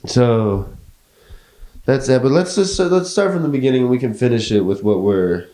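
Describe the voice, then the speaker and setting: A man's voice: mid-range voice, lively intonation, moderate pace, dark tone. Laid-back young man hosting, echoey room. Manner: laid-back, swears casually, laughs often. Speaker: podcast host. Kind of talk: casual chat.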